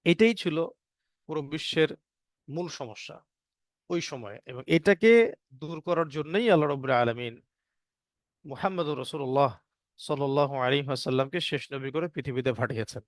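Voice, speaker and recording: A man with a fairly high voice teaching a religious class from a book. He talks unhurriedly, fills his pauses and goes back over his phrases, now and then reciting Arabic verses. The sound is dry and close. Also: dry recording. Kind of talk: book-based religious lecture.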